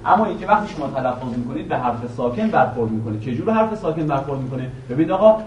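A male teacher giving a classroom grammar lesson, quizzing his students with questions and reciting a verse slowly again and again. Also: medium pitch, very animated, darkish tone, highs cut off, a little hiss or hum. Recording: echoey room, voice from a distance.

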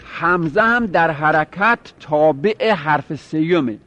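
A man's voice: fairly high pitch, lively intonation, pushed and bright, no echo. A man teaching a grammar lesson, explaining step by step and repeating word forms to drill them. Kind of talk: seminary-style grammar lesson. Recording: dull lo-fi recording.

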